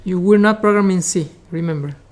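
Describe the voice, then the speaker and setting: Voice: medium pitch, brisk, a little mellow. Caribbean-Spanish-accented coding teacher. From Latin America, Caribbean. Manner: repeats 'remember' and 'okay', explains step by step, coaxes students. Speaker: programming instructor. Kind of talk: live coding class with students.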